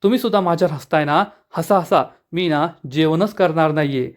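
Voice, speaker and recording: A man's voice: a little high, fairly quick, lightly acted. A man voicing a thin, touchy young man who sulks and complains, in an episode recap. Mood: sulking. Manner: whiny, sulking complaints.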